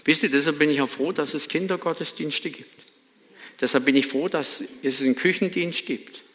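German pastor preaching in a reverberant hall. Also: male voice, fairly high pitch, moderate pace, fairly bright tone. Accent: Baden German. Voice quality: earnest, emphatic preaching with repeated phrases. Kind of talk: sermon. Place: church hall.

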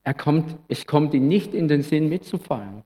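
Pastor preaching under long reverb. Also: male voice, a little high, lively intonation, moderate pace, warm tone. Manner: earnest, reflective, sometimes conversational. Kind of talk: Christmas sermon.

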